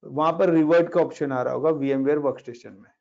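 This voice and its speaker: A man's voice: fairly high pitch, fairly even intonation, quick pace, vocal fry. A man teaching a casual Linux class, talking students through each step and mixing in English words. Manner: chatty, talks students through steps, mixes in English words. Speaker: Linux instructor. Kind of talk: casual screen-share class explaining commands. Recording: dull lo-fi recording.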